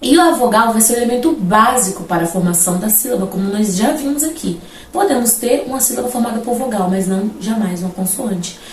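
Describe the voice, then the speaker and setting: A woman's voice: fairly high pitch, lively intonation, darkish tone. Woman teacher in a roomy space. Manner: explanatory, repeats example words slowly. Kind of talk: grammar lesson. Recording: roomy, from a distance, faint background noise.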